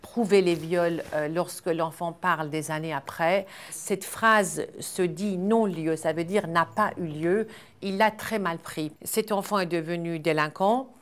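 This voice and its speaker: A middle-aged woman from Iran, a charity founder, answering interview questions earnestly and with measured pauses and frequent hesitations. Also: lowish voice.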